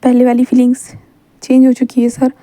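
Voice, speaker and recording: A woman voicing a young male student in a fan story read aloud. The student pleads softly and hesitantly, often repeating words. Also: high-pitched, completely flat delivery, a little fast, no room sound, lightly acted. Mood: pleading.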